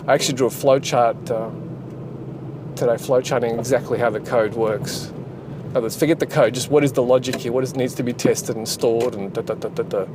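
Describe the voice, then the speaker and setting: Aussie guy rambling about his game dev stuff while he drives, mid pitch, loud car noise. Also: steady tone, brisk. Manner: rambling, full of fillers and restarts. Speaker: game developer and channel host. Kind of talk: casual driving vlog. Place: inside a car while driving. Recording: road noise inside a moving car.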